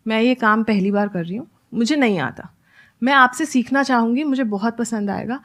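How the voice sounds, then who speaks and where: Woman, business founder, interview guest, a touch high, earnest and advice-giving.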